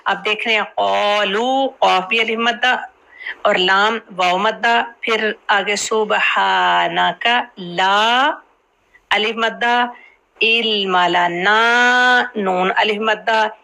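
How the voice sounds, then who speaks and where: A woman teaching Quran recitation rules, explaining quickly and then drawing out each recited word slowly. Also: mid-range voice, steady tone, creaky, bright, forceful tone, poor audio. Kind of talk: tajweed lesson, explaining and slowly modeling recitation.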